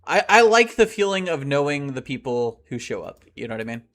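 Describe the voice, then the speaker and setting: A young man streaming a game and chatting casually with his live chat, rambling and excitable and often laughing. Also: medium pitch, fairly quick, faint music behind.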